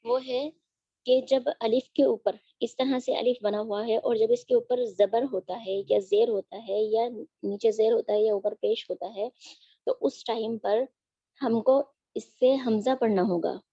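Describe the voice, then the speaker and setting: A woman teaching Quran recitation in an online lesson, drilling each sound slowly and patiently. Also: on the high side, steady tone, slightly rough, no echo, muffled recording.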